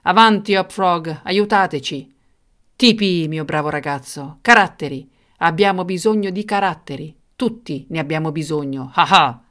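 A woman doing a booming, jeering cruel king. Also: moderate pace, a bit bright, natural voice. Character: loud cruel mocking male king.

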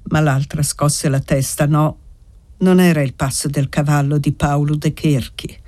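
A woman reads a literary novel aloud in a measured, deliberate audiobook style. Her voice sits on the lower side for a woman. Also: little pitch movement, dark tone. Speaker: narrator. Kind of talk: audiobook reading.

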